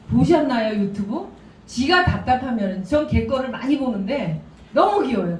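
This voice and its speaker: A woman gives a business seminar talk, telling anecdotes with laughing asides. Her voice is high and swings widely in pitch. It echoes through the room from a mic set at a distance. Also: slight background noise. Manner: animated, storytelling, laughing asides. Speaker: seminar speaker. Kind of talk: business presentation.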